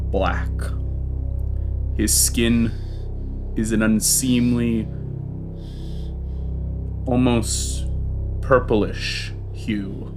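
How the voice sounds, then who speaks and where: Low guy telling a story real slow, drawn-out pauses, soft guitar music behind. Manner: slow, deliberate, dramatic pauses. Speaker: podcast co-host storyteller. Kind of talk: improvised story narration.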